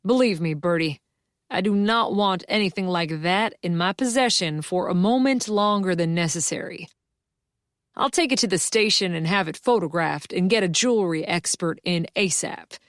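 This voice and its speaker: A woman's voice: fairly low pitch, normal speed, no room sound, studio quality, close to an everyday voice. A woman voicing a firm, matter-of-fact male police detective in a cozy mystery audiobook, with a clipped, businesslike manner.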